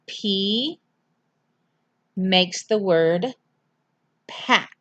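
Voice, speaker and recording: Lady teacher sounding out letters for little kids, super slow and patient, dry close sound. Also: medium pitch, a bit bright, dry recording, lo-fi sound. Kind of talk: phonics lesson for young children.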